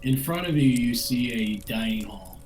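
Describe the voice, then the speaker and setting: A man's voice: medium pitch, lively intonation, moderate pace, echoey room, soft background music, poor audio. A man narrating as dungeon master of a tabletop game, hesitant with many fillers.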